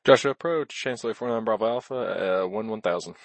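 A man speaking as a pilot over a headset, making brisk, procedural radio calls to air traffic control. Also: medium pitch, no room sound.

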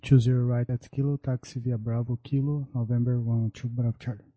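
A man reading back clearances as a pilot over radio from a cockpit headset. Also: medium pitch, little pitch movement, fairly quick. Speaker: pilot on air traffic radio. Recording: muffled aviation radio.

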